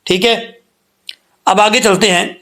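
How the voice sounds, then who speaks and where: A man with a fairly high voice teaches the rules of Quran recitation step by step. He is patient and repeats himself often, and he stretches out slow, sung demonstrations of single sounds. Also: fairly even intonation, sharp tone. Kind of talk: tajweed lesson, explaining and demonstrating letter sounds.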